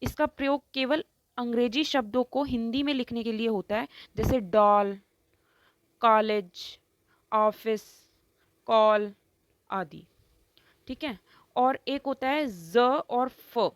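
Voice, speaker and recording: A woman teaches Hindi grammar in an online lesson, taking her time and saying every example word slowly and distinctly. Her voice sits fairly high. The recording is close and dry, with no room sound. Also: no echo. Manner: slow, explains step by step, keeps asking "ठीक है".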